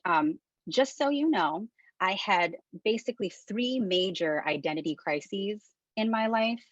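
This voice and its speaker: A woman's voice: on the low side, dry recording. A woman in her thirties from the Philippines, giving a candid, conversational webinar talk over a video call. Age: 30s. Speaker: webinar speaker. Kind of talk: informal webinar presentation. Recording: dull lo-fi dry call audio.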